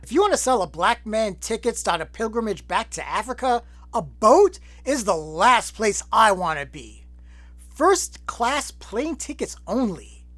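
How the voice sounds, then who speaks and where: A man hosts a film retrospective, filling the gaps between clips with sarcastic, profane joking asides as a film review host. His voice is high, sing-song, and fairly bright, and he speaks at an unhurried pace.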